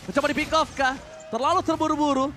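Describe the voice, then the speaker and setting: Indonesian man, esports play-by-play, extremely high pitch for a male, excited and dramatic. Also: fast, soft background music. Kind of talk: live esports match commentary.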